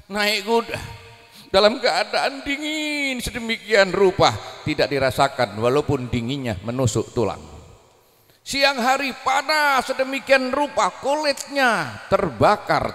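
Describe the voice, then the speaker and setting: A man's voice: high voice, expressive, unhurried, fairly bright tone, in a large hall, soft background music. A male preacher telling a story dramatically, acting out voices and joking with his audience. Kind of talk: sermon with Arabic devotional singing.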